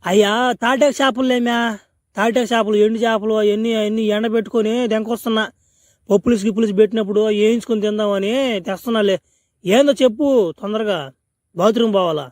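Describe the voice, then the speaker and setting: A man voicing a young village fisherman in a comic cartoon spoof, talking in a rapid, pleading, coaxing way. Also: fairly even intonation, a little mellow, no echo, studio quality, natural voice. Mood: impatient. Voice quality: high, squeaky cartoon man's voice. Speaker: fan cartoon voice actor.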